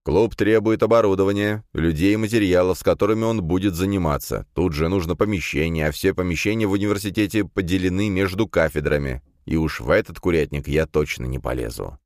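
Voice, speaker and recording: Curt, grumbling middle-aged rector, read by a man in a low voice. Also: brisk, few pauses, darkish tone, no echo, studio quality, natural voice. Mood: irritated. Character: grumpy middle-aged male university rector.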